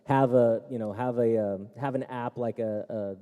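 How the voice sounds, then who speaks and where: A man's voice: medium pitch, steady tone, unhurried, warm tone. A man answering tech questions at a seminar, talking casually with many fillers and restarts. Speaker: tech expert panelist. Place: seminar hall. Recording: echoey hall.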